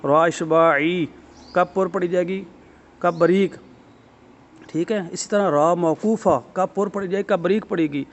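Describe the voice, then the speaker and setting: A man's voice: a little high, creaky. A man with a Pakistani Urdu accent teaching a tajweed lesson, patiently explaining rules over and over and stretching sounds to demonstrate them. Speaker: Quran recitation teacher. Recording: dull lo-fi recording.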